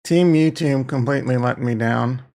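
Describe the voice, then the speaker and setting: Gravelly man livestreaming with a morning voice. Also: medium pitch, normal speed, darkish tone. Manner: rambling, self-deprecating, slangy, says brother. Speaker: livestream host. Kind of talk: casual chat to livestream viewers.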